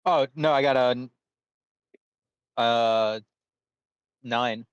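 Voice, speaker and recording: A man's voice: medium pitch, very slow, clean tone, no room sound, muffled recording. A man playing a tabletop game, improvising casual dialogue in character. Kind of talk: in-character improvised role-play.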